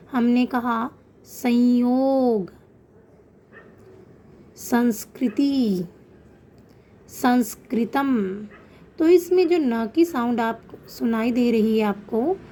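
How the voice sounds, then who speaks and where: A woman teaching children online, speaking slowly and patiently. Her voice is mellow and a little high, and she draws out example words so they can be heard clearly. A faint hum sits behind her. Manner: patient, explanatory, addresses children; slows down to pronounce example words. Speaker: Sanskrit teacher. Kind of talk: online class lesson.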